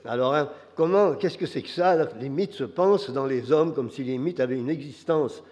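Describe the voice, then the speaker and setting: An older man with a Quebec French accent gives an academic lecture, his voice hoarse and nasal from a cold, halting as he searches for phrasing. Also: mid-range voice, darkish tone. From Quebec, Canada. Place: large reverberant lecture hall. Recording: muffled, very reverberant lecture hall.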